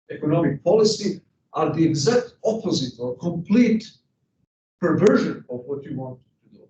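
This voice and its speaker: A Serbian man with a high, mellow voice delivers an emphatic economics lecture, putting rhetorical questions to his class. The classroom recording is distant, echoey, and dull, with slight background noise.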